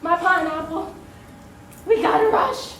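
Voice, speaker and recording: A woman playing a young film noir dame who pleads for help, halting over her words in improvised comedy. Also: very high-pitched, a bit bright. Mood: pleading. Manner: halting, choosing each word. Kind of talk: improvised stage comedy scene. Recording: distant echoey room, faint noise.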